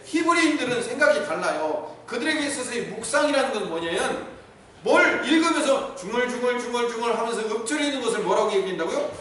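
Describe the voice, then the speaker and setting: A high-pitched middle-aged man preaches a teaching sermon, pausing to ask the congregation questions. His voice rings through a very echoey church hall, picked up from some distance with a faint hiss behind it. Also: a bit bright. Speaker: pastor. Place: church sanctuary. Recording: echoey hall, mic from far off.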